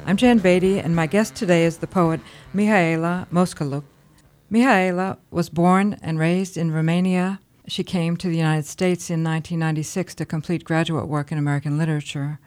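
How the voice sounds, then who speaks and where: A woman's voice: lowish voice, steady tone, a little fast, a little mellow, soft background music. A woman hosting a weekly radio program, reading a guest introduction and then chatting. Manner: scripted introduction, then friendly chat. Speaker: radio show host. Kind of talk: radio interview.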